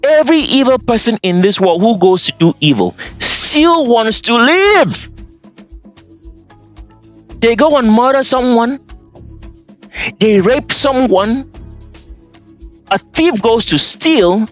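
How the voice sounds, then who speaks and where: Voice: animated, slow pace, long pauses, soft background music. Emphatic speaker with an African accent. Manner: emphatic, insistent, swings between loud and low. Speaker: channel host. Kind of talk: preaching monologue over slides.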